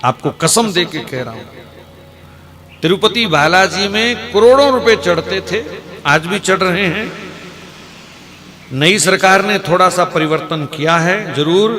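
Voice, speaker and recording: A man's voice: high-pitched, expressive, unhurried, long pauses, sharp tone, soft background music. A man preaching and telling a story in a sermon, in an impassioned, exhorting way. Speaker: devotional preacher.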